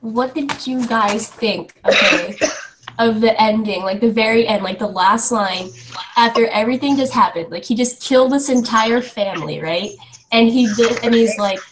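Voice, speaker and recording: A woman's voice: on the high side, moderate pace. A teenage woman leading a casual book discussion on a video call, hesitant and full of fillers. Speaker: discussion leader. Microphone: laptop on a video call. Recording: noisy, glitchy video-call audio.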